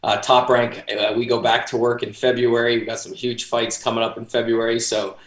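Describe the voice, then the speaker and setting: A man's voice: medium pitch, flat delivery, brisk. Male interview guest, forties, conversational, mid-range voice, roomy video-call sound. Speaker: interview guest, boxing ring announcer. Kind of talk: casual interview chat. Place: small home office, indoors. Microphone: video call, computer mic at desk distance.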